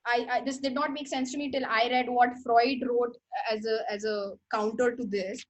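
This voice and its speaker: A woman's voice: on the high side, fairly even intonation, normal speed. A young woman with an Indian English accent hosting a casual livestream, rambling, correcting herself and laughing often. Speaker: host. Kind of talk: casual livestream talk on art history.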